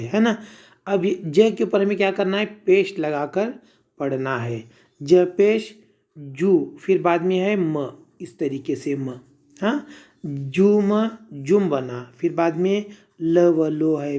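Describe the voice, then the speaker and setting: A male primary school Urdu teacher leads a slow reading lesson for children, patiently sounding out and spelling letters and asking the class to repeat words. His voice is a little high with a dark tone.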